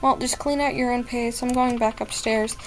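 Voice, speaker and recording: A woman's voice: on the high side, fairly even intonation, moderate pace, a little hiss or hum, close to an everyday voice, low-quality recording. A woman voicing an aloof, reclusive noblewoman giving orders to her new maid in a game. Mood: curt. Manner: cool, curt, commanding.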